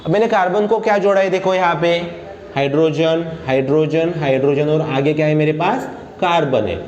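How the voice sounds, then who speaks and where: A man teaching a chemistry lesson, playful and quizzing his students with quick questions. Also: fairly high pitch, a little mellow, lo-fi sound. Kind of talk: classroom lecture. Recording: echoey room with faint noise.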